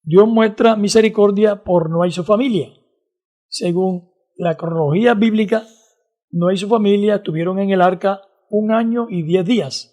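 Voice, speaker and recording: A man explaining Bible passages in a measured way, reading scripture slowly in a church discussion show. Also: high-pitched, mellow. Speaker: Bible teacher.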